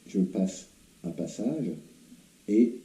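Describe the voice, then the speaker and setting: A man's voice: lowish voice, animated, drawn-out words, warm tone. A man giving a literature lecture in a hesitant way, with many fillers and repeated words, then reading a passage aloud. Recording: roomy, dull lo-fi recording.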